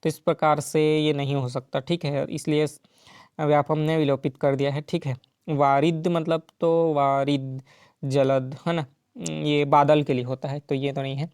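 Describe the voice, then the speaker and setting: A man's voice: a little high, little pitch movement, unhurried, a little mellow, clear, resonant tone, no echo, studio quality. A man teaching an exam-prep lesson, explaining each question step by step and checking in often with the listener. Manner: explains step by step with frequent "ठीक है" and "है ना".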